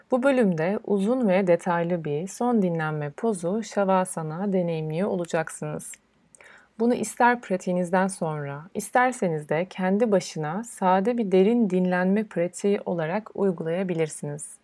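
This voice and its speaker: A woman works as a yoga nidra instructor, guiding a relaxation in a calm, unhurried manner and pausing between instructions. Her voice is lowish and a little mellow, with no echo.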